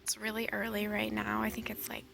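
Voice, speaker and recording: Speaking candidly to her camera, a young woman vlogger from the Pacific Northwest, specifically Washington State, chats casually and pokes fun at herself. She talks a little fast in a monotone, mid-range voice with vocal fry, and background noise is audible.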